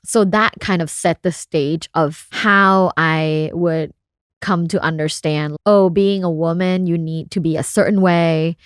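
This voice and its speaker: A woman's voice: lowish voice, steady tone, a little slow, clean tone, no room sound, clean studio sound. A woman from Thailand, a sex researcher, talking openly and casually as a podcast guest, often laughing. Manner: frank and open, laughs often. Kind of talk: casual interview chat.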